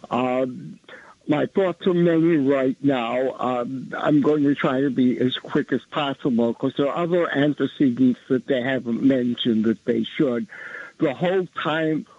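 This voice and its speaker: Slow, raspy man on a tinny phone line. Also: mid-range voice, dry recording. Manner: deliberate, halting phrases. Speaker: call-in listener. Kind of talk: unscripted call-in commentary on history.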